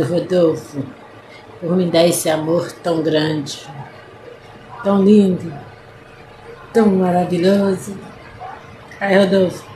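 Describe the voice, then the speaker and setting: A woman voicing a lovesick adult woman who leaves syrupy, drawn-out love messages for several men, in a comic sketch. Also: on the low side, darkish tone, roomy sound, a little hiss or hum. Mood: doting. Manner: syrupy, cooing, drawn-out endearments.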